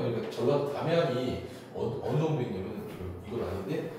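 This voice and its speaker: A man teaching a class, lively and talkative, asking questions and then answering them himself. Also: mid-range voice, noisy background. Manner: animated, asks and answers his own questions. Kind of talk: classroom lecture. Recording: distant echoey classroom recording.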